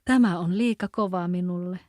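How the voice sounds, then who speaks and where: A woman's voice: fairly low pitch, darkish tone, no echo, studio quality, natural voice. A woman with a Kven accent voicing a curious little girl in a storybook, mostly in her own voice. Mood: fussy.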